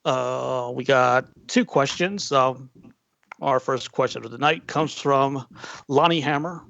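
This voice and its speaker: A man hosting a show, reading fan questions out in a casual, halting way. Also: mid-range voice, gravelly, fairly bright tone, no room sound, lo-fi sound. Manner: casual and halting, with many fillers. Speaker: podcast host.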